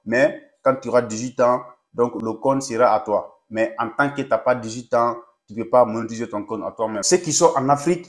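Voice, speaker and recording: This young adult man, a non-native French speaker, makes a casual tutorial vlog as a content creator, his mid-range voice slightly dark. He gives viewers an encouraging pep talk and calls them "les gars".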